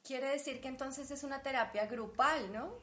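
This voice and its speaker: A woman co-hosting, explaining Spanish words to learners clearly and carefully. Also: sits high, moderate pace, fairly bright tone. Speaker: Spanish teacher and co-host.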